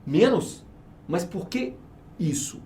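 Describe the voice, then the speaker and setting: A man's voice: sits high, big pitch swings, slow pace, dark tone, slight background noise. A man, a company manager, explaining his teaching method in an interview, persuasive and emphatic, often answering his own rhetorical questions. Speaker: research and market manager, interview guest.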